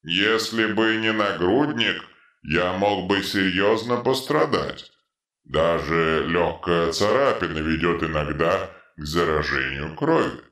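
A man voicing a huge troll who has suddenly become clever, speaking in slow, measured, pedantic phrases. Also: sits low, expressive, fairly bright tone, roomy sound, heavily acted. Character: huge male troll, suddenly brainy and precise.

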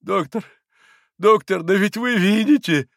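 Man doing a desperate captain, high strained pleading voice, cracking, set back from the mic. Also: measured pace, gravelly, fairly bright tone, no room sound, clean studio sound, full character voice. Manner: pleading, breaking voice. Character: desperate poor middle-aged retired army captain.

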